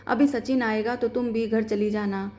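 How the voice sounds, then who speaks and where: A woman's voice: fairly high pitch, steady tone, normal speed, mellow, lightly acted. A woman voicing a composed, practical older father who is a doctor, in a story reading.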